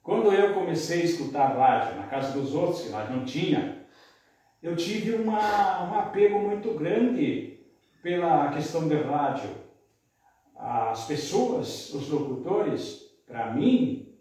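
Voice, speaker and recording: A man's voice: fairly high pitch, animated, takes it slowly, mellow. Man telling folksy stories, echoey room. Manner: folksy, rambling anecdotes. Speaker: podcast guest, radio announcer and singer. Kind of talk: casual conversational storytelling. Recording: echoey room, mic at a distance.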